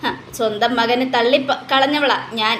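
A woman's voice: fairly high pitch, a little slow, fairly bright tone, a little hiss or hum. Older mother-in-law, stern and insistent, read by a woman; echoey room. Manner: stern, urging.

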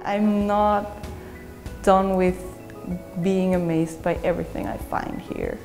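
A young woman, a graduate student speaking earnestly in a measured way with thoughtful pauses in an interview testimonial. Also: lowish voice, fairly even intonation, vocal fry, darkish tone. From Peru. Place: bright indoor university hallway with large windows. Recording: long reverb with faint music behind.

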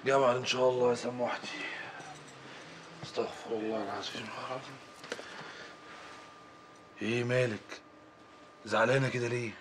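A man's voice: mid-range voice, level tone, normal speed, pauses often, background noise, lightly acted. An actor playing an anxious, pious eldest brother who mutters prayers and teases his wife, in Egyptian Arabic. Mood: fretful teasing. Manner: muttering prayers, then joking warmly. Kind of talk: film acting.

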